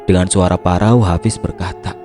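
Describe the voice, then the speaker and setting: A man narrating a horror story in a steady, hushed storytelling manner. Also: low voice, normal speed, over music.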